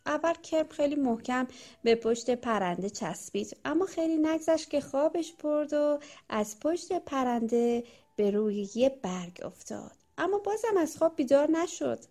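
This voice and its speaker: A woman narrating a children's story, gently addressing the young listeners. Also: fairly high pitch.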